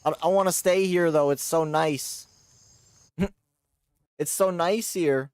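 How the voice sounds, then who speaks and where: A male game streamer talks slowly and loosely over his play, in a voice sitting a little high for a man. He rambles in slang and breaks into loud surprised outbursts now and then. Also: clean tone, no echo. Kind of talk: casual live-stream commentary.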